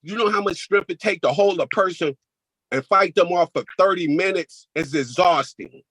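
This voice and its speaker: A man speaks to a court over a video call, his voice sitting fairly high. He is heated and emphatic and keeps repeating himself. The sound is dry, with no room around it. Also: normal speed, fairly bright tone, no room sound, poor audio. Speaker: crime victim giving a statement. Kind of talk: courtroom victim impact statement.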